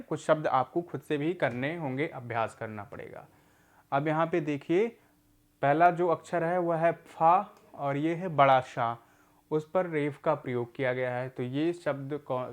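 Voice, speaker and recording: A man whose voice is a little high patiently runs a recorded literacy lesson for adults. He asks and answers his own questions, slowing down to repeat words.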